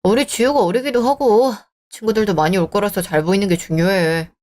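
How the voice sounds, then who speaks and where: A woman's voice: mid-range voice, brisk, darkish tone, lightly acted. A woman voicing a selfish young married man who talks in a dismissive, irritated way, in a dramatized story. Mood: scornful.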